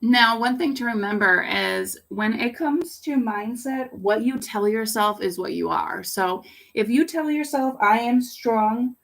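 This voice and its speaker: Raspy woman leading a yoga class. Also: fairly high pitch, unhurried. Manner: relaxed, cueing poses with fillers. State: congested from pollen. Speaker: yoga instructor. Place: home under construction. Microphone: laptop camera.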